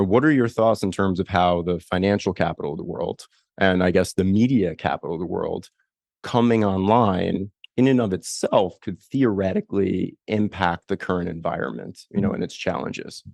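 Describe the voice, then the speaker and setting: Deep-voiced man asking rambling questions. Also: moderate pace, creaky, a little mellow, no room sound. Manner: rambling questions with many "you know" and "right?" fillers. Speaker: interviewer. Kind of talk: conversational interview.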